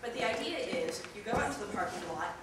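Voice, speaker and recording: A woman's voice: mid-range voice, animated, quick pace. Young woman teaching in an echoey hall. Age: young adult. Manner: chatty, demonstrative, jumps into loud yelled examples. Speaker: acting workshop leader. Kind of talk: teaching a theatre workshop. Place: large echoey room. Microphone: distant camera mic. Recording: echoey room from far off, noisy.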